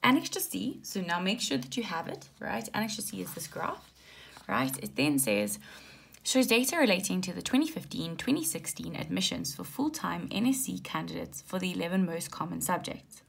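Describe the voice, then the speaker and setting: Gravelly woman tutor with a slight lisp. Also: lowish voice, very animated, normal speed. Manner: instructive, checks in often with short tags. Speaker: maths tutor. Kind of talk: informal step-by-step exam walkthrough.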